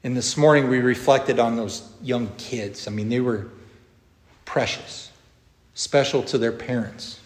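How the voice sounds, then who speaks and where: Slow-preaching pastor in a reverberant church. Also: male voice, mid-range voice, steady tone. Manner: slow, measured preaching with emphatic rises. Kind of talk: sermon. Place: church sanctuary.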